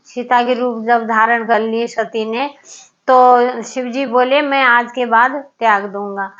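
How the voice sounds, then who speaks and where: A woman casually retelling a devotional story, unhurried and halting, with many fillers and repeated words. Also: high voice, a bit bright. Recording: dull lo-fi recording.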